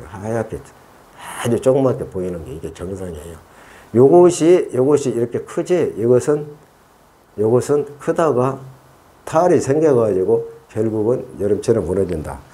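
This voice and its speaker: A middle-aged man teaches gardening in a relaxed, chatty way, often repeating himself and thinking aloud. His pitch rises and falls in an animated way, and his tone stays soft and mellow. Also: normal speed. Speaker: orchid-growing channel host. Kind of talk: casual hands-on gardening tutorial.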